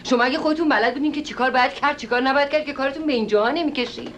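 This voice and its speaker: Actress doing a stubborn, fawning middle-aged lady for a stage comedy, lowish voice, sharp-tongued when crossed. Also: slight background noise, lightly acted. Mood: indignant. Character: pushy, doting middle-aged woman visiting from abroad.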